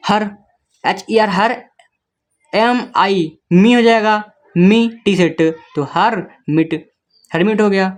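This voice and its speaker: A man gives a beginner's reading lesson, building each word slowly from its letters. His talk is patient and repetitive, with frequent check-ins with the learner. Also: high-pitched. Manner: patient, spells words letter by letter, keeps checking in with the listener. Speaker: English reading teacher. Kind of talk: step-by-step spoken lesson.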